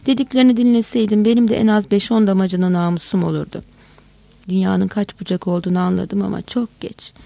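A woman's voice: mid-range voice, steady tone, fast talker, vocal fry, mellow, dry recording, lightly acted. A woman reading aloud voices a bitter, regretful old man of seventy-five on his deathbed, speaking in a tired, complaining way.

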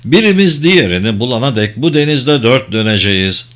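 A man playing a big, grizzled sea captain in an audiobook, speaking low, grave and measured. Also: expressive, a bit bright, close to an everyday voice. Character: big, stern, grizzled male ship captain.

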